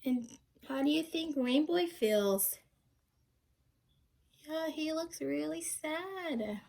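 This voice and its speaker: This young adult woman has a high voice that is expressive, creaky, and a little mellow. She reads a picture book to children very slowly, stopping now and then to ask them questions and explain in simple terms.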